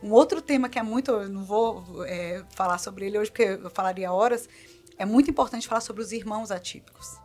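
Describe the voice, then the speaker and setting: Brazilian lady, middle-aged, talking earnestly, mid pitch, faint music behind. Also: a little fast. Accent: Brazilian Portuguese. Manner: earnest and animated, repeats herself for emphasis. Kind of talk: conversational interview.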